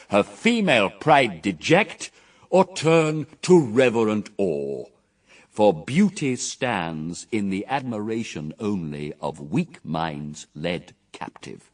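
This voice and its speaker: An actor playing Satan as a proud, cunning fallen angel in classical radio verse drama, grand and scheming in delivery. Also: male voice, lowish voice, sing-song, slow pace, distant mic. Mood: scornful. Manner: grand, oratorical, scheming, sharply swelling and dropping.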